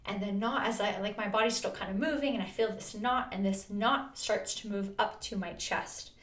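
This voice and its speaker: A woman's voice: mid-range voice, normal speed, a bit bright. Woman vlogger, mid-range voice, earnest chatty storytelling, echoey room. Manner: earnest, chatty, full of "like" and restarts. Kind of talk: personal storytelling. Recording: roomy echo.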